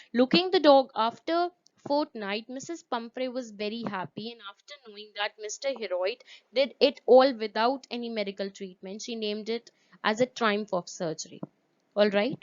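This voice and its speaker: A woman teacher, speaking a little above the usual pitch. She explains at length, doubles words for stress like "very, very", and puts questions to her class. The recording sounds muffled and lo-fi. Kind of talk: classroom lesson explaining a story.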